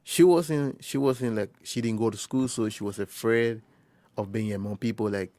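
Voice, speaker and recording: A young man from Liberia, a first-year college student, telling his story in an interview in a halting way, often restarting and quoting conversations. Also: lowish voice, dark tone, no room sound. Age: young adult. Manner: halting, with frequent restarts and quoted dialogue. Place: quiet recording booth.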